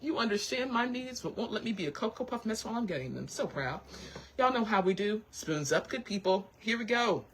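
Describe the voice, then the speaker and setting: A woman hosting a radio show, chatting in an animated, sassy way. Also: brisk, a little hiss or hum. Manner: animated, sassy, swoops into high excited squeals. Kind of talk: casual talk radio chat. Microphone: studio microphone.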